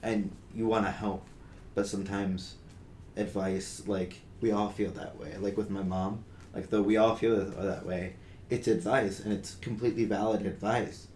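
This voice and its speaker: A man's voice: fairly low pitch, steady tone, normal speed, a little mellow. A young man co-hosting a podcast in casual discussion, talking earnestly with many fillers and restarts. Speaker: podcast co-host. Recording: roomy with faint noise.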